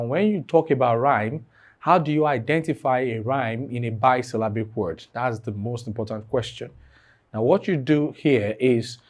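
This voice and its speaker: Male tutor, slow deliberate delivery, drills points by repetition and quizzes the class. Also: medium pitch, darkish tone. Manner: repeats key phrases, asks the class fill-in questions. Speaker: exam-prep English teacher. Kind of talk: online classroom lecture.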